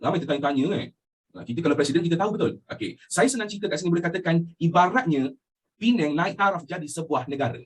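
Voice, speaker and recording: Young Malaysian male teacher, husky, quick delivery, quizzes the class often. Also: on the high side. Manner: animated, asks students questions constantly, mixes in English phrases. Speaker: history teacher. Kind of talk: lively classroom lecture.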